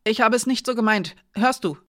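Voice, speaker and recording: The narrator voicing a restless young woman guard who pleads urgently and loudly. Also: on the low side, steady tone, brisk, natural voice. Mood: urgent, pleading. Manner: pleading, agitated, talks loud.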